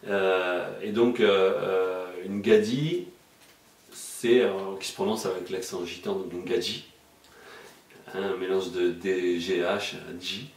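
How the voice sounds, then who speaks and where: Low-voiced man in an echoey room. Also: level tone, measured pace, few pauses. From Marseille, France. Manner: hesitant, many fillers and restarts. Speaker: journalist guest. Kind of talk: casual explanatory interview talk. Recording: echoey room, mic far off.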